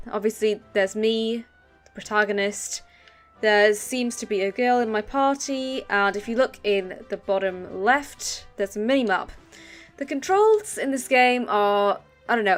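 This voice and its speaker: Woman gaming host, casual walkthrough talk, mid-pitched, chatty with fillers. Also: a little slow, faint music behind. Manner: casual, explains controls with fillers. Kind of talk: let's play commentary.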